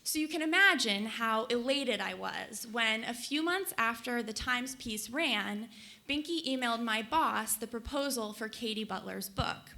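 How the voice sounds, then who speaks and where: A young woman from Colorado, USA, who works as a book editor, reads an earnest, enthusiastic prepared speech from her notes to a conference hall audience. Her voice is a little high, gravelly and bright, with an animated, unhurried delivery and a forceful tone.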